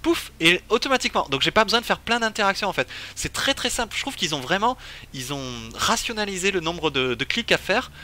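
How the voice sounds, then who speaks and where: A man streams a game and talks it through casually, thinking aloud and leaning on fillers as he goes. His voice is bright and forceful, set a little high for a man. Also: expressive, a little fast. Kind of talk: casual let's-play commentary.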